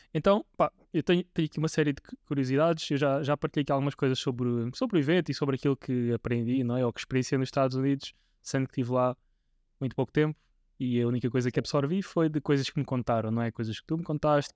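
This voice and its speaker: This podcast host is a man in his twenties with a European Portuguese accent, interviewing a guest in a casual way. His mid-range voice has a darkish tone, and he hesitates a lot, with many restarts and fillers. The audio is studio quality with no room sound.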